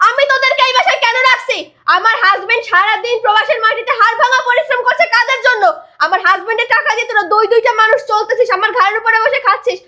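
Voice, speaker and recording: A young woman playing the wife of an expat worker, who scolds forcefully and insists on being obeyed. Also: very high voice. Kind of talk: amateur drama acting.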